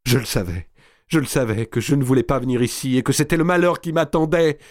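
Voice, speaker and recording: A man's voice: medium pitch, fast talker, dry recording, studio quality, voice pushed up, lightly acted. A man voicing a grieving young woman who pleads and wails through her sobs, his voice pushed well above his own. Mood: despairing. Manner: wailing, pleading, broken by sobs.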